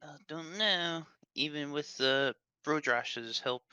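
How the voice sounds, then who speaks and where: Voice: mid-range voice, slow pace, bright, forceful tone, clear, resonant tone, no room sound, highs cut off. A player in a tabletop game with a playful, giggly way of talking, sometimes singing little sound effects. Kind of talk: casual tabletop play.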